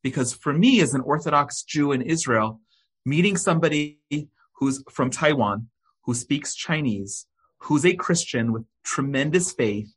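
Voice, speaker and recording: Husky-voiced man hosting an interview. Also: mid-range voice, lively intonation. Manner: warm, halting, with many ums and repeated words. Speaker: host. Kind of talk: hosted interview.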